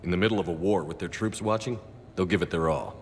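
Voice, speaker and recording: An actor playing a steady, earnest military commander in a space video game, talking plainly and with composure. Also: male voice, deep voice, fast, a little hiss or hum, lightly acted. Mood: easygoing. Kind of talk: game dialogue acting. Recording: echoing hall, music behind.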